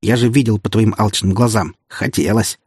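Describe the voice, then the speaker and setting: A male audiobook reader voicing a wounded, furious middle-aged prince who shouts in rage. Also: lowish voice, fairly even intonation, normal speed, slightly rough, no room sound, clean studio sound. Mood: commanding. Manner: shouting, enraged. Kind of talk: audiobook character voice.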